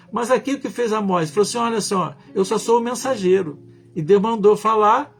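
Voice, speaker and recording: Slow, gravelly-voiced male pastor. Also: high voice. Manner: deliberate, stresses words one by one; clears his throat often. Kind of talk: sermon.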